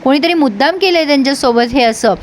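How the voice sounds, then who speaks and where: An earnest young maid speaks up loyally for someone, as a woman retelling a serial reads her out. The voice sits high, with faint noise in the background. It stays in the reader's own everyday voice. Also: fast talker, lightly acted. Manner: earnest, defending.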